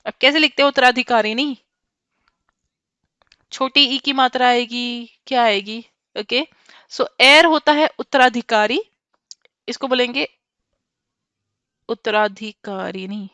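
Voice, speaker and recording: High bright-voiced Indian woman teacher. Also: slow pace, pauses often, clear, resonant tone, dry recording, dull audio. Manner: mixes Hindi and English, quizzes students by name. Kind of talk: online class lesson.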